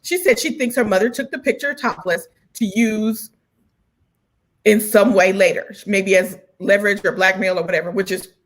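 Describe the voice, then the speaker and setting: A woman's voice: mid-range voice, normal speed. A woman co-hosting a casual chat podcast, emphatic and profane, laughing often. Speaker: podcast co-host.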